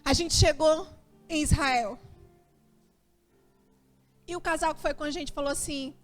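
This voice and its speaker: Faint music plays behind a woman pastor whose voice sits high and holds steady as she speaks at a measured pace. With a Brazilian Portuguese accent, she gives a sermon testimony, recounting a personal story and voicing the anxious prayers she once prayed.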